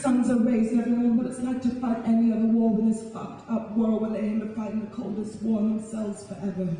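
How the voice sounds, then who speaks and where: A young woman performs as a spoken-word poet live on stage in a large, echoey hall. Her voice sits on the high side with a dark tone, and the recording catches her from far off with faint noise.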